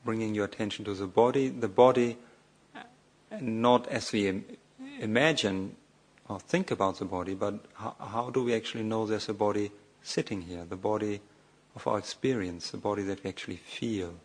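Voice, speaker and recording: A man giving a guided meditation as a monk, speaking off the cuff in short, measured phrases with long, hesitant pauses. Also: fairly low pitch, fairly even intonation.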